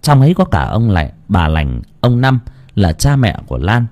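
A man's voice: fairly low pitch, very animated, moderate pace, darkish tone. A man narrating a folk tale audiobook expressively. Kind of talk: storytelling narration.

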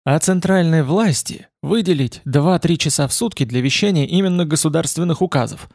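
A man voicing a forceful male protest leader who speaks loudly, commandingly and pressingly in an audiobook. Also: a little high, brisk, vocal fry, no room sound, clean studio sound. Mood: insistent.

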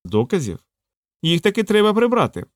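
A man's voice: sits high, huge pitch swings, a little fast, no echo, clean studio sound, voice pushed up. A man voicing a cunning male wolf in a storybook, with a silky, coaxing manner. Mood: sly. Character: sly smooth-talking male wolf, cunning.

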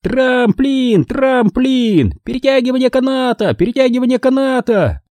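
A man doing shrill chanting garden gnomes. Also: lively intonation, measured pace, a little mellow, no room sound. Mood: gleeful chanting. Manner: sing-song chanting.

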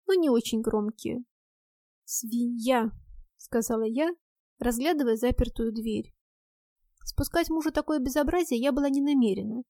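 A woman narrates a first-person audiobook with a wry, ironic delivery. Her voice sits fairly high. The recording is close and dry. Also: mellow, no echo.

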